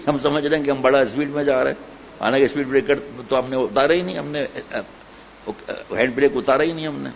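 A man giving a sermon as a religious teacher, telling everyday stories and asking rhetorical questions. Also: medium pitch. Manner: storytelling, folksy, rhetorical questions. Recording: slightly dull recording with faint noise.

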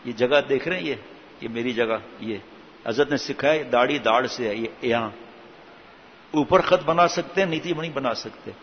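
A man gives an informal religious talk in a casual, conversational manner. He poses rhetorical questions and restarts words mid-sentence. The recording is dull and lo-fi, with a faint hiss underneath. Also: mid-range voice. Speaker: religious preacher.

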